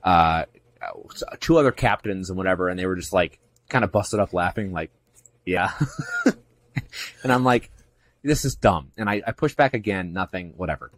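Podcast host, a man with a low voice, spinning lively stories and laughing along. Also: normal speed, long pauses, dry recording. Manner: animated, acts out quoted voices, laughs often. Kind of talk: casual storytelling chat.

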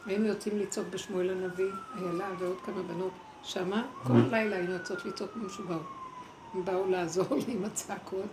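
A woman giving a spiritual talk, telling a personal story in an animated way and acting out the voices she quotes. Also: mid-range voice, background noise. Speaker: speaker at a spiritual gathering. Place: evening gathering indoors. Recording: echoey room with clear background ambience.

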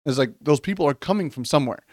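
A man co-hosting a casual podcast chat, thinking out loud and asking questions. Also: a little high, lively intonation, rapid-fire, no room sound, clean studio sound. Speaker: co-host.

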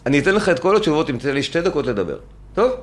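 A man's voice: fairly high pitch, very animated. A man hosting a music discussion panel over a call, arguing insistently and fending off interruptions. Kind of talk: heated casual debate.

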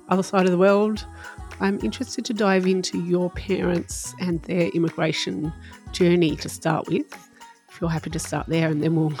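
A woman with an Australian accent hosting a podcast, opening with a measured spoken intro before chatting with her guest. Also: fairly low pitch, vocal fry, a little mellow. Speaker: podcast host. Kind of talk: scripted intro then casual chat.

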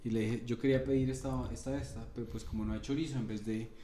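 A man's voice: mid-range voice, steady tone, fast talker, dark tone, slight background noise. A young man with a Colombian accent, hosting a comedy podcast and telling rambling stories with many restarts and casual swearing. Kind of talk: casual conversation, storytelling.

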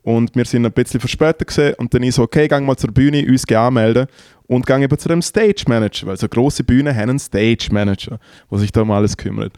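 A man's voice: medium pitch, fast, hardly any pauses, no room sound, clean studio sound. A man with a Swiss German accent, casually telling crude backstage anecdotes on a podcast. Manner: profane, animated anecdotes with quoted voices. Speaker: podcast co-host, band tour manager. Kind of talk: casual banter, storytelling.

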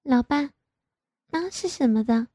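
A woman's voice: high-pitched, lively intonation, measured pace, warm tone, no echo, clean studio sound, pitched above the performer's own voice. A woman voicing a coy, pouty young married woman in an audio story, speaking in a raised, wheedling voice.

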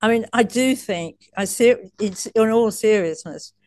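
A woman's voice: mid-range voice, moderate pace, a little mellow, no echo. A woman coach as an interview guest, telling stories in a chatty way with frequent restarts and laughs. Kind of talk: casual interview storytelling.

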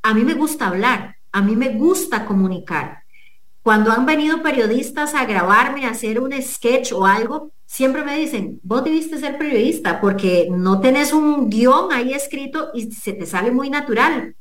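Woman coach, kinda high voice, walks you through her questions, roomy echo. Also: lively intonation, moderate pace. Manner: earnest, teaching with numbered questions. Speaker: guest speaker, coach and businesswoman. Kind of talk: motivational talk in an interview.

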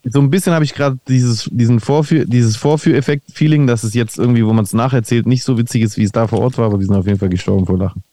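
A man's voice: mid-range voice, fast talker, hardly any pauses, dark tone, no room sound. A man chatting casually on a podcast, telling a meandering anecdote with lots of restarts. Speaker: podcast host.

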